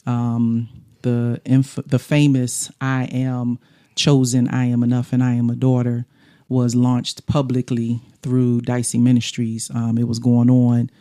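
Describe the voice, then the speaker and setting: Mellow-voiced chatty woman co-host. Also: extremely low pitch, measured pace. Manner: lively, talkative, laughs often. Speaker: podcast co-host. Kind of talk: casual podcast chat. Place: studio.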